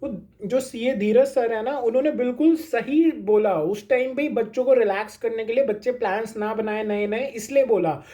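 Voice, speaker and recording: Mellow-voiced man giving a pep talk. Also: extremely high pitch, normal speed, few pauses. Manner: reassuring, repeats points, mixes in English phrases. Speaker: exam coaching YouTuber. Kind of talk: casual pep talk to students.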